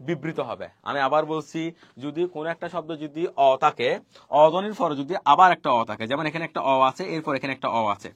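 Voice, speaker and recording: A fast-talking man with a fairly high, somewhat bright voice leads a quick online lesson on pronunciation rules. He goes back over each point and quizzes his students, and there's no echo.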